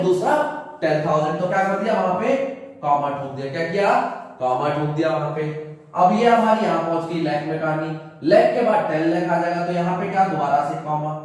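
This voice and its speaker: A man teaching a maths lesson to children, asking questions and answering them himself, often calling the students "beta". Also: high voice. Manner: calls students "beta" warmly. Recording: echoey hall, voice from far off.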